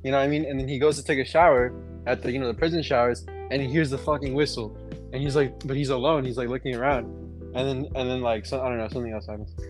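Brief: young guy, casual storyteller, quick and filler-heavy, faint music bed. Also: mid-range voice, steady tone, rough recording. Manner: rambling, lots of "like" and "you know". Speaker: storyteller among friends. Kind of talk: casual chat.

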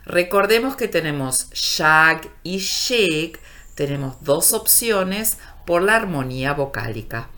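A woman's voice: low-pitched, lively intonation, bright, forceful tone. A woman teaching a radio language lesson, explaining patiently and stretching out each example word so learners can catch it. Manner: slow, deliberate, stretching out words for learners.

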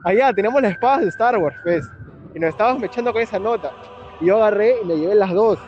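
High-voiced Peruvian man, laid-back. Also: fast talker. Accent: Peruvian Spanish. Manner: relaxed, slangy, laughs at his own stories. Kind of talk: casual chat. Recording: muffled lo-fi with faint background hiss.

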